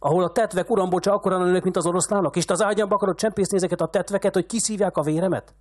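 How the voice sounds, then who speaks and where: A man's voice: extremely high pitch, lively intonation, voice pushed up. A man reading as a raging old rich patriarch. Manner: shouting insults, ranting.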